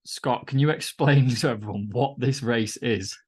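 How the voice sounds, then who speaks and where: A man's voice: mid-range voice, normal speed, darkish tone, slightly rough. A man who coaches, hosting a podcast interview and asking long conversational questions. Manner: conversational, swears casually, asks long questions. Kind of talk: casual interview.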